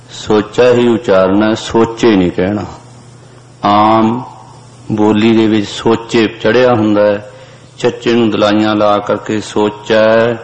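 A man teaching how to pronounce sacred verses. He chants each line slowly, then explains it plainly. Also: lowish voice. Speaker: scripture recitation teacher. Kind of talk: slow chanted recitation with spoken pronunciation notes. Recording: dull lo-fi audio with long hall reverb.

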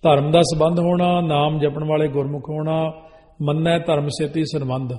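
Male preacher, mellow, higher-pitched voice, instructive sermon, recites verses, long reverb. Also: flat delivery, normal speed. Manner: quotes scripture verses in a recited cadence; instructive, rule-listing delivery. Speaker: Sikh preacher. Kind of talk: religious sermon on wedding rites.

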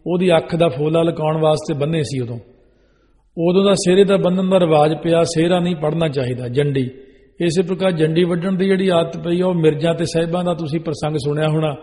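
A man's voice: on the high side, mellow, in a large hall. A man preaching a religious sermon, laying out rules one by one and reciting scripture verses in a chanting cadence. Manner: instructive, rule-listing delivery. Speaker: Sikh preacher. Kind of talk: religious sermon on wedding rites.

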